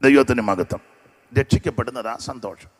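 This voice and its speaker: A man preaching a sermon with a strained throat, swinging between loud declaiming and quiet asides. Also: medium pitch, normal speed. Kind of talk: Malayalam sermon with singing.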